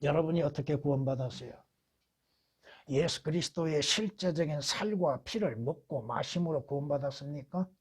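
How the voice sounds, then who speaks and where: A man's voice: a little high, normal speed, slightly rough. A man preaching at a church Bible study as pastor, putting rhetorical questions to the congregation and answering them, with emphatic repetition.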